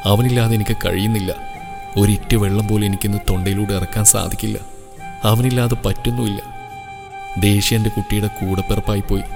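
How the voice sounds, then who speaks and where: A man's voice: fairly low pitch, fairly even intonation, brisk, gravelly. A man voicing a grieving, choked-up mother. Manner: sorrowful, choked. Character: grieving middle-aged mother. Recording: reverberant audio with soft music.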